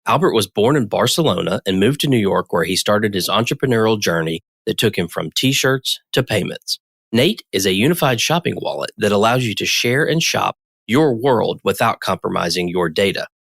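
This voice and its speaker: A man's voice: on the low side, expressive, normal speed, gravelly, a bit bright, breathy edge, no room sound. American male podcast host, dry sound. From United States. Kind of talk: podcast interview.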